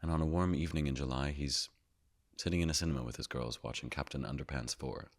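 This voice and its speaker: A man playing a gravelly, deep-voiced particle narrator. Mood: wry storytelling. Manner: measured storytelling that drops often into hushed whispers. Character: the Higgs boson, a calm all-knowing male narrator. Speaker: actor performing a stage monologue. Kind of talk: theatrical monologue.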